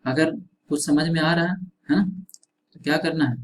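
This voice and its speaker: A man lecturing on engineering, with a voice a little higher than most. He asks the class a question, then answers it and says it again, and he checks in often with "है ना". He, and there is a faint hiss behind him. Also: steady tone, normal speed, low-quality recording. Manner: repeats questions and answers, frequent tag "है ना". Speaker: engineering teacher.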